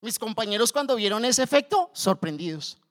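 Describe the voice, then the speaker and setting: A man with a Colombian accent telling a personal story from his days selling cars, in an animated way. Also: high voice, fairly quick. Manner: lively, animated retelling, acts out the scene. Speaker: former car salesman telling his story.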